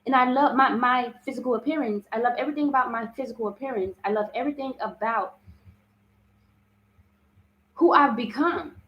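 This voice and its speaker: A fairly high-pitched woman leads a live-streamed spiritual self-love talk, moving a little fast but leaving long pauses. Her voice is big and strong, her delivery earnest, and she often asks "you understand?" The recording sounds muffled and roomy.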